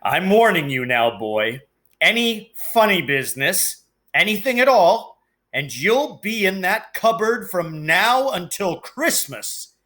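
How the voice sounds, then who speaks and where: A man's voice: sits high, big pitch swings, slow pace, pushed and bright, pitched above the performer's own voice, full character voice. Man reading as a blustering, bullying storybook uncle. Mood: menacing. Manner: menacing, emphatic, blustering. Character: bullying, hot-tempered middle-aged uncle from a storybook.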